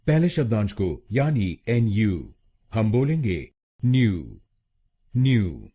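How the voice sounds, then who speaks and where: A man's voice: fairly low pitch, warm tone, husky. A man from India narrating a scripted pronunciation tutorial, breaking words into syllables and repeating each one. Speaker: pronunciation teacher.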